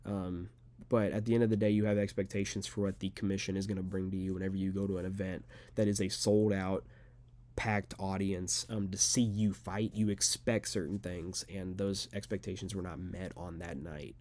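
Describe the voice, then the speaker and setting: A man's voice: sits low, little pitch movement, normal speed, darkish tone. A young man, an amateur fighter, talking straight to camera in an unedited, rambling monologue full of filler words. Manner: rambling, earnest, filler-heavy.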